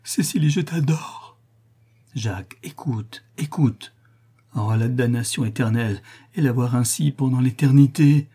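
A man voicing a delirious, tormented notary who cries out in shrill frenzy. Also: steady tone, measured pace, mellow, husky. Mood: rapturous. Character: delirious raving male notary, tormented and feverish. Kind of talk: audiobook character reading.

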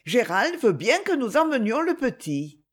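A woman's voice: a little high, sing-song, pitched above the performer's own voice. A woman reading the part of an eager, chatty young noblewoman who gushes and hurries her words. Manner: gushing and hurried.

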